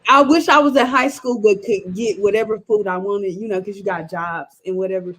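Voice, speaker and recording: Woman in her 30s going off in casual chat, repeats herself for emphasis, mid-pitched voice. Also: brisk, fairly bright tone, poor audio. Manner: chatty, ranting with emphatic repetition. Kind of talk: casual sports-show chat.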